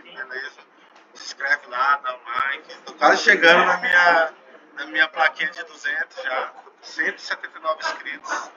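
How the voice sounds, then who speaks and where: Chatty male math teacher, lo-fi classroom. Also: fairly high pitch. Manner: loose and chatty, many tag questions, slows down stressing key phrases. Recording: dull lo-fi classroom recording with faint noise.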